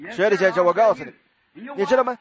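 A male preacher telling a story in a sermon, animated, acting out voices and bursting into shouts. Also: sits high, fast talker.

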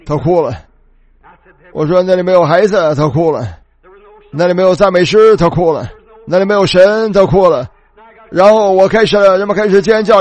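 With a high voice, this man recounts a story from the pulpit, re-voicing each exchange of dialogue along the way. His delivery is lively and full of repetition.

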